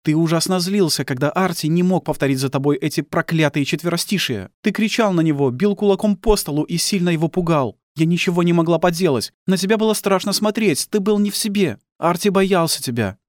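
A man's voice: a little high, a little fast, few pauses, no room sound, studio quality, pitched above the performer's own voice, lightly acted. A man voicing an icy, bitter wife. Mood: accusing. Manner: icy and accusing. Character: cold, bitter, accusing wife, a grieving mother.

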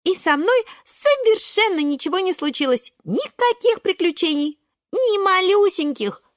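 A woman voicing an excitable, impatient little boy spinach sprout who talks eagerly and breathlessly. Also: a little slow, dry recording, clean studio sound. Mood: eager, insistent. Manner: breathless, eager, very high and bouncy.

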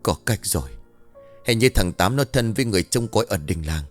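A man voicing a calm, wise elderly grandmother in a ghost story, speaking slowly and deliberately in a lowered voice. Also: faint music behind, lightly acted. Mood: resolute.

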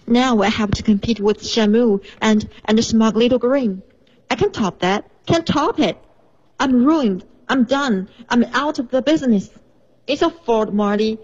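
A woman student reading a film scene in English in a calm, restrained way. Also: on the high side, a little slow, breathy edge, lo-fi sound. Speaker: student reader.

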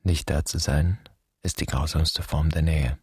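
In a literary radio drama, a man plays a wounded son searching for his absent father. His very low, husky, breathy-rough voice has a darkish tone and is recorded close and dry, without echo. The delivery is solemn, poetic, steady, unhurried and exaggerated.

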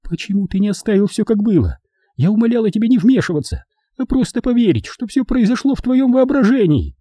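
Man voicing a shrill woman, falsetto, scornful, audiobook, dry sound. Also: animated, fairly quick, warm tone, dry recording. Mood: frantic. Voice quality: piercing falsetto. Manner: contemptuous, snapping. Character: shrill scornful woman, sharp-tongued and frantic. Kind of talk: audiobook character voice.

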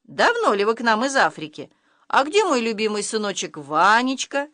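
A coldly polite mother talks in a formal, prim manner, voiced by a woman narrator. The reading is lively, with a close, dry sound. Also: on the high side, normal speed, no echo, voice pushed up.

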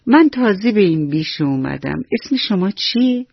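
A man's voice: sits high, very animated, vocal fry, slightly rough, dry recording, exaggerated voice. A man voicing a rude, teasing little frog in a children's radio story. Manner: cheeky, teasing. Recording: dull lo-fi radio recording with faint music.

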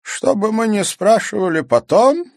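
A man doing a coaxing high-voiced club elder. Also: lively intonation, unhurried, vocal fry, darkish tone, no room sound, studio quality, exaggerated voice. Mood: explaining. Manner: coaxing, ingratiating. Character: older male secret-club elder, smooth and persuasive. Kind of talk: audiobook character voice.

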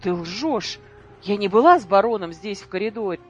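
A reader voicing a cold, stern mother who speaks in a sharp, commanding and scornful way. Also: medium pitch, expressive, moderate pace, husky, lo-fi sound, faint music behind, pitched above the performer's own voice. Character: cold, stern mother losing her temper.

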